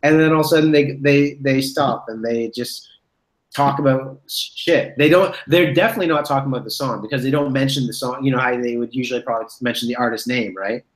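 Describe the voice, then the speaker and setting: A man's voice: mid-range voice, fast talker, roomy sound, low-quality recording. A man in his thirties hosting a casual video-call chat from a room at home. He rambles and corrects himself as he tells stories. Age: 30s. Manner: rambling, self-correcting storyteller. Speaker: host. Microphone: webcam on a video call.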